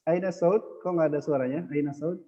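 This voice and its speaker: Male online teacher, higher voice, patient, echoey and muffled sound. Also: steady tone, brisk, warm tone. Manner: patient, adds "ya" after most phrases. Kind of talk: online Arabic lesson.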